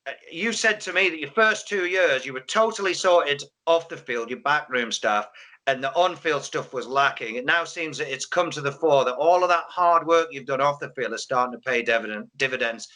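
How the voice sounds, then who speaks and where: Bright-voiced male interviewer. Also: on the high side, normal speed. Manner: chatty, repeats and restarts questions. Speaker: interviewer at a football final. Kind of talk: live stream sideline interview.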